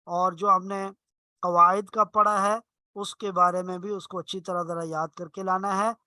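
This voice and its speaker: A male Arabic teacher leads an online class in a slow, bright voice. He explains each rule patiently, step by step, and stretches example words out long. The sound is dry and close. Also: high-pitched, dry recording.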